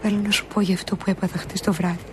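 A woman performing a theatrical monologue as a lovesick woman pleading with an absent lover, intimate and often slipping into breathy half-whispers. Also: medium pitch, little pitch movement, background noise, natural voice. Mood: wistful.

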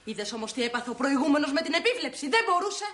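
An actress playing an anxious wife who fires quick, doubtful questions and retorts at her husband. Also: high voice, expressive, a bit bright, echoey room.

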